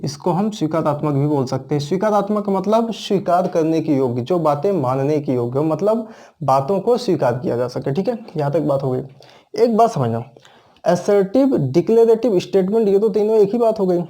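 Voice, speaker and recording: Mellow-voiced man teaching grammar. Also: high voice, lively intonation, moderate pace. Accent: Indian. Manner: explains step by step, asks and answers his own questions. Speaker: English teacher. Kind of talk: classroom grammar lesson.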